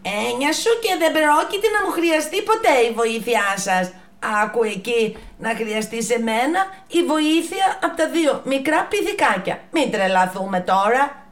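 A woman voicing a tall, haughty female giraffe in a storybook tale, scolding loudly in a high, strained voice. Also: lively intonation, distant mic. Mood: angry. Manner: scolding, shrill and loud.

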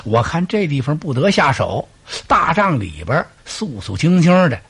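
Animated husky male storyteller. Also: fairly high pitch, normal speed. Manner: animated, dramatic, vivid sound effects. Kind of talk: traditional storytelling performance.

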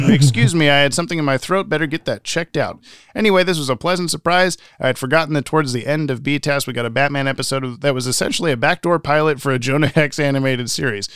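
A man's voice: on the high side, fast, a bit bright, clear, resonant tone, no echo, studio quality. A man co-hosting a podcast in a casual, playful way, reading out listener comments and laughing often. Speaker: podcast co-host.

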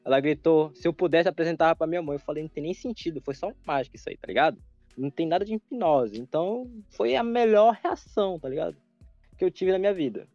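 A young man on a casual podcast, excitedly telling stories full of slang. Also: fairly high pitch, quick pace, no room sound. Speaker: podcast co-host. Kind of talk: casual chat. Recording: dry, dull lo-fi with faint music.

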